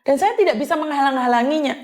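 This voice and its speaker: A woman's voice: high-pitched, animated, fast talker, darkish tone. A woman, hosting her channel and answering a complaint in an earnest, repetitive way. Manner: earnest, repetitive, mixes in Javanese phrases. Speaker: channel host. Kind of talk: talking to the camera, replying to a complaint.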